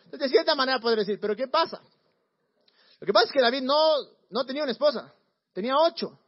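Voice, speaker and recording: Guy preaching casual, slangy and animated, high voice, muffled recording. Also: racing. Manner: slangy, animated, repeats words. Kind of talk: casual storytelling sermon.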